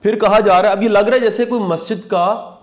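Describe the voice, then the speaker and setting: A man's voice: high-pitched, steady tone. A middle-aged man giving a motivational talk in an earnest, preacherly way, repeating key lines for emphasis. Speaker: motivational speaker. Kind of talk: reflective commentary talk.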